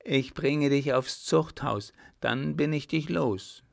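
Brief: man doing a defiant young acrobat woman, sneering, slightly gravelly, slow and pointed. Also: medium pitch, fairly even intonation. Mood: scornful, defiant. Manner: sharp, sneering retorts. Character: defiant young female tightrope artist, scornful. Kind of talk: audiobook character voice.

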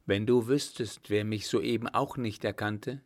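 A man voicing a confident young lieutenant in a calm, assured way, in a storybook reading. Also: fairly low pitch, measured pace, lightly acted.

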